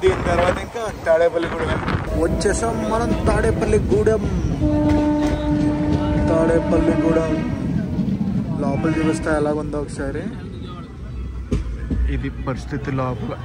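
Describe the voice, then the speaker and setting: This man's voice is fairly high and steady, a little slow, with long pauses as he vlogs a nighttime train journey. Chatting directly to viewers while stations pass, the travel vlogger is recorded in a noisy moving carriage full of train rattle and station noise.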